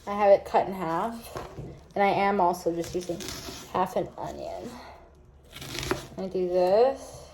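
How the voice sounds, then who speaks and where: A woman's voice: mid-range voice, a little slow, pauses often, background noise. A woman vlogger chatting casually while cooking at home, rambling with lots of fillers. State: teary from chopping onions. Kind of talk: casual cooking vlog chat. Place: home kitchen.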